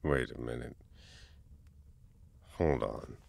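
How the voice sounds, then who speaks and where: A young man with an extremely deep, gravelly voice speaks in a whispered role-play, close on the mic in a dry, deadened sound. He talks casually, swearing and teasing, then softens into gentle comfort. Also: slow pace, no room sound. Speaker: ASMR boyfriend role-play performer.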